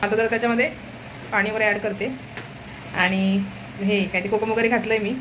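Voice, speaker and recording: A young woman chats through a casual family vlog in her home kitchen, pointing things out to her viewers again and again. Her voice sits at an ordinary middle pitch. A steady background noise hangs under the home recording. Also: brisk. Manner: chatty, keeps repeating "look" to viewers. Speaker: vlog host.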